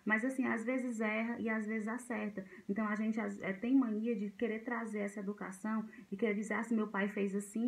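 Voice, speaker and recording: Gravelly-voiced woman teaching parents. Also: mid-range voice, rough recording. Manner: conversational, repeats herself, many fillers and restarts. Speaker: parenting educator. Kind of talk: informal talk to parents.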